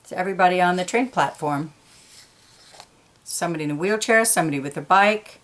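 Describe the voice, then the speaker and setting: A woman reads a picture book aloud to children, breaking up the lines with informal asides explaining the pictures. Her fairly low voice is a bit bright and brisk.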